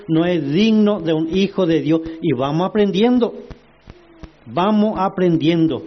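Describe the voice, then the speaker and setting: A man preaching a sermon, slow and emphatic, asking the congregation rhetorical questions. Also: high voice, highs cut off.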